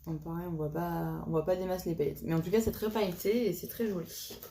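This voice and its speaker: A woman talks casually to her viewers in a somewhat low voice. She is chatty and hesitant, often pausing on fillers and restarting her sentences. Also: steady tone, warm tone, slight background noise. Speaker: vlogger showing a haul of coloring supplies. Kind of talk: casual chat to camera.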